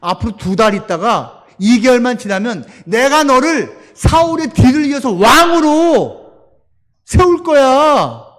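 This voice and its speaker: A man preaching voices God as a stern, fatherly male deity, scolding in a drawn-out, emphatic way. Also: very high voice, big pitch swings, a bit bright, voice pushed up, full character voice. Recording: long church hall reverb.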